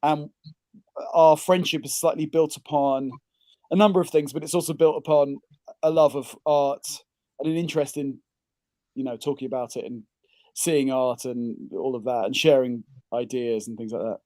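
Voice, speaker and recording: A man's voice: mid-range voice, steady tone, normal speed, dark tone, dry recording. A man from England talking over an audio-only call, self-deprecating and rambling with restarts. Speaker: guest, kidney donor. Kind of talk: casual interview chat. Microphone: video call, audio only.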